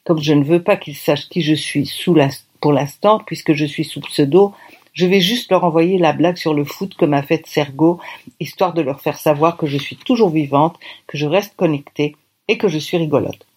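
Brief: lively conversational audiobook reader, woman. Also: low-pitched, normal speed, breathy edge. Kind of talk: first-person novel narration.

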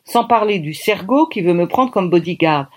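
Woman reading a novel out loud, chatty and lively. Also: on the low side, normal speed. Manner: lively, conversational. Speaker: audiobook reader. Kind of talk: first-person novel narration.

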